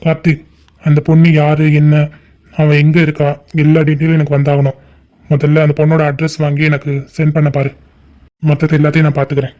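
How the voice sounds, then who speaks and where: A man's voice: fairly high pitch, completely flat delivery, a little fast, mellow, natural voice. A man voicing a stern, angry middle-aged father in a cartoon family drama, scolding and giving orders. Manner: scolding, commanding.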